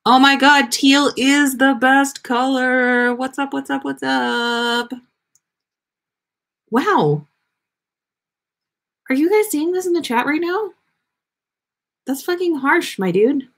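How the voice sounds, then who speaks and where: A woman with a higher-pitched voice takes her time as she reads fan fiction during a livestream, chatting casually between passages. Her manner as host is teasing, sweary, playful and highly expressive.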